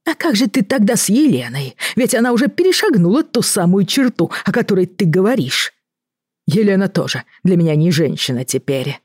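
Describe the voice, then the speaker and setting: A hurt woman in her forties, voiced by a narrator, pleading with a voice pushed higher than her narrating tone. Her words tumble out agitated, with a husky edge, in a dry, close recording. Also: a little mellow, dry recording. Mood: bitter. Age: 40s. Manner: agitated, pleading, rising pitch.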